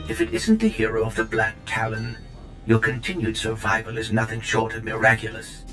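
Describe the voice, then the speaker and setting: In scripted video game dialogue with music behind him, a man voices a coolly formal, loyal military droid in a sci-fi game, clipped and unemotional. His natural voice sits on the low side and moves briskly.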